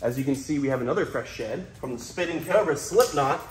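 This young adult wildlife host and snake keeper speaks briskly and expressively at a medium pitch in a casual vlog full of playful enthusiasm. The setting is an indoor reptile room with a concrete floor, giving an echoey sound with a little hiss or hum.

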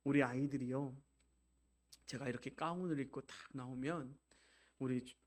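A man preaching a Sunday sermon as pastor, exhorting the congregation and swinging from loud, rising preaching to quiet, conversational storytelling. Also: medium pitch, fairly even intonation, moderate pace. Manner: exhorting, repeatedly addresses the congregation.

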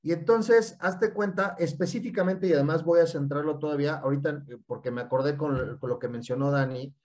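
A man with a Mexican accent explaining in casual talk, animated, often linking thoughts with "y entonces". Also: on the high side, a little fast. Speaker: guest speaker.

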